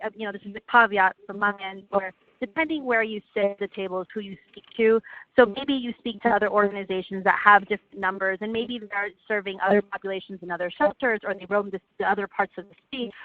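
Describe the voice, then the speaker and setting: A woman presenting slides in a webinar over a phone line, earnest and halting with frequent restarts. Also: mid-range voice, no room sound. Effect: heard over a phone line. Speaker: webinar presenter for a legal aid project. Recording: tinny, dry phone line.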